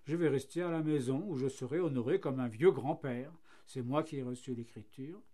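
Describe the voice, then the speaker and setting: A man's voice: a little high, warm tone, close to an everyday voice. A man voicing a cheerful, self-satisfied flax plant that becomes linen and then paper, marvelling at its fortune.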